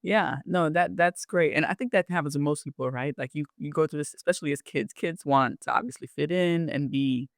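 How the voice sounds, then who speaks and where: A man's voice: a little high, a little fast, few pauses, dry recording, clean studio sound. A man hosting an interview podcast, asking questions in an encouraging, chatty way. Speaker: podcast host. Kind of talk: casual interview conversation.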